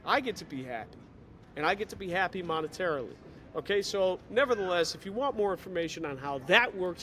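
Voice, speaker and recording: An energetic man with a Chicago accent, his voice sitting a little high, talks fast and chatty as though on extra coffee. He is recorded on a phone or laptop camera in an airport terminal. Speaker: digital marketing consultant for auto dealers. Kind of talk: casual video update.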